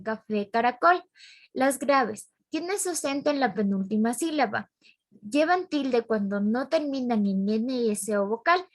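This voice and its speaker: A young woman reading a class presentation aloud, going through examples slowly, word by word. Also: a little high. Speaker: student presenter.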